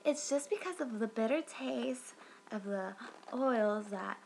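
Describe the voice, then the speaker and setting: A woman's voice: on the high side, slow pace, gravelly, a little mellow, slight background noise. A woman voicing a condescending female helpline operator with a sugary, dismissive customer-service manner. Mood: patronizing.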